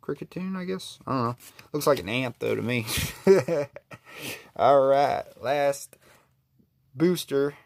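Slow, gravelly man opening cards. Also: medium pitch, no room sound. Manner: slow, easygoing, admiring each card aloud. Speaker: card pack opener. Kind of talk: casual unboxing commentary.

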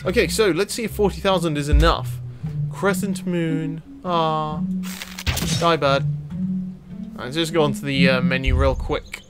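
Over video game music, a man with a fairly high voice hosts a casual let's-play, exclaiming and talking to the game's characters as he plays. His tone stays steady, his pace is a little slow, and he pauses often.

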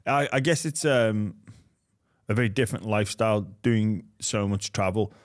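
Halting low-voiced male podcast host. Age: 30s. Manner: halting, restarts often while asking questions. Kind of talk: casual interview chat. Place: podcast studio, indoors. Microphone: studio mic on a boom with headphones.

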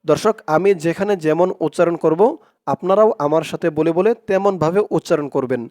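A man teaching Quran reading, chanting drawn-out syllables for students to repeat and adding quick, quieter explanations of pronunciation rules in Bengali-accented speech. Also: fairly high pitch, dry recording, clean studio sound. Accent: Bangladeshi Bengali. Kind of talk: slow recitation lesson with spoken explanations.

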